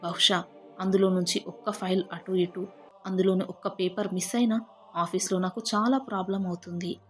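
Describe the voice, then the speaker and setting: A woman voicing a soft-spoken young husband, loving but secretive, with no change of voice from her own. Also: lowish voice, fairly even intonation, moderate pace, soft background music, natural voice. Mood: evasive.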